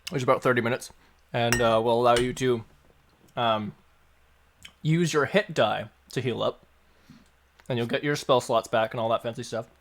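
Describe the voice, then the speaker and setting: A man running a tabletop game on a stream, explaining rules in a relaxed, joking way with fillers. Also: medium pitch, normal speed, pauses often, slight background noise. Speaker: game master.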